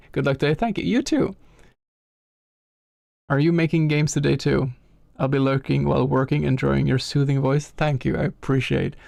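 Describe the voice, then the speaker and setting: Norwegian man, norwegian accent, gravelly, dry close mic, rambling stream chat. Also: mid-range voice, a little mellow, no room sound. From Norway. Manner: rambling, self-deprecating, thinking aloud. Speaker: game developer streamer. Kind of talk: casual live-stream chat. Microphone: gifted home studio microphone.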